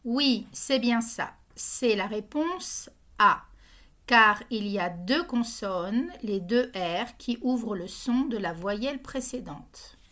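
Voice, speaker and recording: Slow-spoken woman hosting a quiz. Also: a little high. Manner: slow, even reading of questions and answer options. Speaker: quiz host. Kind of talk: scripted quiz narration.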